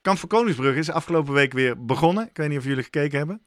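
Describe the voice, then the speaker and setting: A man's voice: a little high, lively intonation, very fast, a bit bright, no echo, studio quality. A man on a podcast telling a story in casual chat, animatedly acting out his own thoughts.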